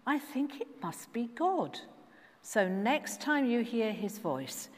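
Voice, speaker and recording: A woman voicing a sleepy old male priest, patient and gently firm, in a children's church story. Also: a little high, big pitch swings, slow pace, voice pushed up, exaggerated voice. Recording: echoey church hall.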